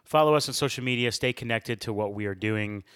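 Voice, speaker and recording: A young man hosts a laid-back podcast with his friends. His voice sounds bright and forceful, and he talks in an upbeat, chatty way, laughing easily. His pitch sits in the middle for a man. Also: fairly quick, smooth. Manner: upbeat, talkative, laughs often. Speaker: podcast host. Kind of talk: casual podcast chat.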